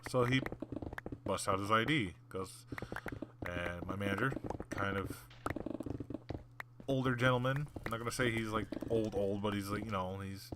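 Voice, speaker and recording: A young adult man hosts a gaming video, telling rambling work stories over gameplay with plenty of fillers. His voice is on the low side at normal speed with long pauses, and background noise includes clear clicking.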